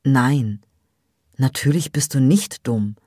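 Eine Frau, die einen ausweichenden, distanzierten jungen Mann spricht, knapp und leise. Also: female voice, extremely low pitch, slow pace, warm tone, slightly rough, no room sound, studio quality, heavily acted. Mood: distant.

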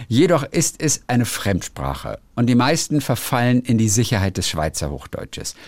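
A German man hosts a casual phone chat on the radio, reading letters aloud with playful emphasis. His pitch swings a lot, and the recording is dry and close. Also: a little mellow, dry recording. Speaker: radio host.

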